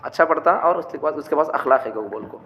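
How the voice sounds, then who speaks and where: High-voiced man teaching in an echoey hall. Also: lively intonation, quick pace. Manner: keeps asking rhetorical questions and repeating points. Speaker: religious teacher. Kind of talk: teaching talk on prayer. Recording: dull, echoey hall with faint noise.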